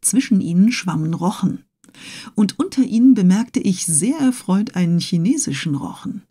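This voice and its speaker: A woman reading a classic adventure novel aloud as scripted narration, in a calm, even storytelling manner. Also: mid-range voice, normal speed, breathy edge. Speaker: audiobook reader.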